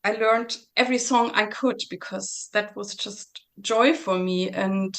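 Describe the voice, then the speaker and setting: In a reflective interview, a female singer speaks at a middle pitch with a touch of vocal fry. She's thoughtful but halting, often restarting and using fillers while she searches for words.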